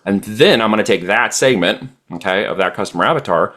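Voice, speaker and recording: A man's voice: fairly low pitch, brisk, sharp tone, soft background music. A man guest on a podcast interview, explaining e-commerce strategy in a confident, emphatic way with frequent fillers.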